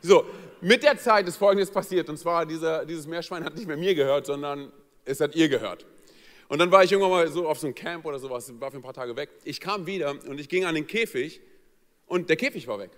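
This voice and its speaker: Man, pastor, humorous sermon story, playful, fairly high voice, long hall reverb. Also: fairly quick. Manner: lively, joking, acts out quoted voices. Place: church hall.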